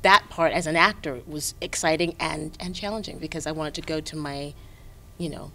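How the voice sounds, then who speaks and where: A woman stage actor in a casual interview, animated and laughing as she talks. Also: normal speed, slight background noise. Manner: animated, laughing, jumps in pitch.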